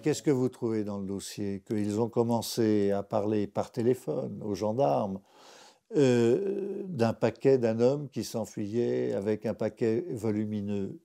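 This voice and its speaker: A man's voice: fairly low pitch, unhurried, vocal fry, dark tone. A man, a writer, interviewed for a documentary, insistent and repeating his points for emphasis.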